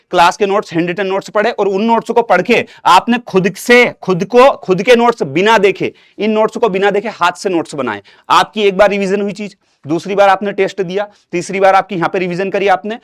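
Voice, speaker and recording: A young man with a high-sitting voice teaches an exam-prep lesson, speaking to students like an older brother and circling back with rhetorical questions. The recording is dry and studio quality.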